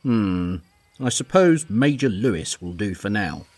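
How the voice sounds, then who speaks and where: Man acting a husky, pompous old English major. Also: fairly low pitch, sing-song, measured pace, a little mellow, full character voice. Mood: courteous, reserved. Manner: pompous, formal, old-fashioned. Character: courtly, pompous English retired army major, older gentleman. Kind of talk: period audio drama acting.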